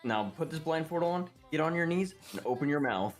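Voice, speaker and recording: A man doing a higher, sly, coaxing voice for a bratty scheming cartoon boy. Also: lively intonation, fairly quick, soft background music, lightly acted. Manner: sly, coaxing, mock-sweet.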